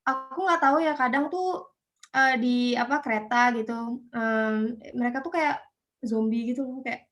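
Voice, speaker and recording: A woman's voice: fairly high pitch, normal speed, fairly bright tone, faint music behind. A young woman from Indonesia chatting as an interview guest, hesitant with many fillers. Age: young adult. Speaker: guest, student abroad. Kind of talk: casual online interview.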